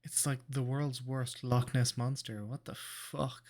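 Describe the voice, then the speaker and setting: A man's voice: mid-range voice, level tone, unhurried. A man giving casual, blunt, sweary reaction commentary as a streamer. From Ireland.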